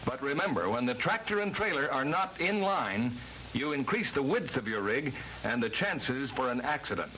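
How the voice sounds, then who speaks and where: Over a noisy vintage film soundtrack, an American man narrates in the instructional style of the 1950s, at medium pitch and a moderate pace. His bright, forceful voice swings with lively intonation as he reads formally and emphatically, like a scripted training lesson.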